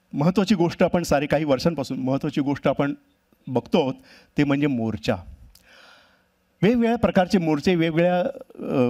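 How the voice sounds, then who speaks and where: A cartoonist giving a wry, humorous storytelling talk on a festival stage. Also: male voice, fairly high pitch, a little mellow. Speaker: cartoonist speaker. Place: live event stage.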